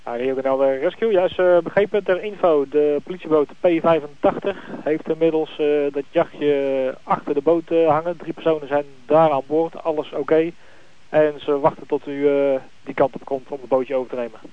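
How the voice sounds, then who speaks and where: A man on a coast guard radio channel, his voice sitting a little high and squeezed into a thin, tinny radio band. A steady hiss of static runs under every word. He talks in formal call-and-confirm phrases and often pauses to hesitate. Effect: crackly radio transmission. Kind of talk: marine radio procedure.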